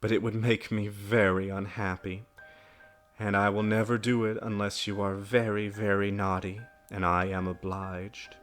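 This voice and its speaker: A man's voice: on the low side, flat delivery, moderate pace, fairly bright tone, soft background music, lightly acted. A man voicing a loving mother in a storybook, tender and earnest in manner. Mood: sad, solemn.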